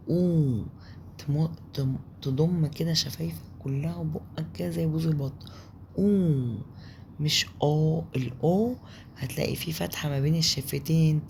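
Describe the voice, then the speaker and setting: Egyptian lady teacher, low mellow voice, says each sound over and over, bit of noise behind. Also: gravelly. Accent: Egyptian Arabic. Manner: slow repetitive letter drilling. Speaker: German teacher. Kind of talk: spoken language lesson.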